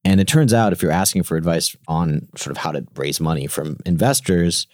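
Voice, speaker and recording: This startup founder, a guest in his thirties whose native tongue is Gujarati, has a deep voice captured cleanly in a studio without any room sound. He talks informally and haltingly, restarting often, leaning on fillers, and quoting others with animation.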